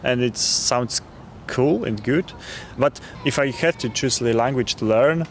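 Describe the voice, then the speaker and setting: A Polish tourist with a Polish accent answers a street interview outdoors in a city, speaking hesitantly with many fillers. His voice is medium in pitch and a little slow, and traffic and street noise fill the recording.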